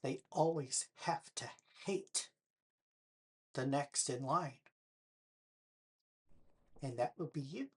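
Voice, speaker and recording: Slow, husky older woman questioning her viewers. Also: extremely low pitch. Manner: pointed rhetorical questions addressed to the viewer; sarcastic. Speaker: political vlogger. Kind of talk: direct-to-camera commentary.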